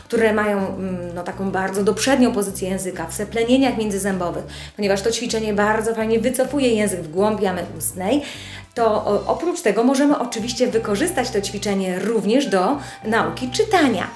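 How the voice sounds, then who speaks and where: A woman speech therapist walks parents through simple children's games in a friendly, explanatory tone. Her voice sits at an ordinary pitch and rings in a roomy, echoey space. Soft music plays faintly behind her. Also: normal speed. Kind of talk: instructional video presentation.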